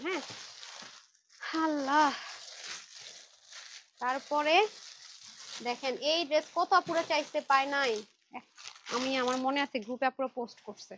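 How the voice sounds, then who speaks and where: A woman hosts a fast-paced Facebook live clothing sale, chatty and pushy with viewers yet tired and worn out from the long session. Her voice sits high with a fairly bright tone, and there's a little hiss or hum.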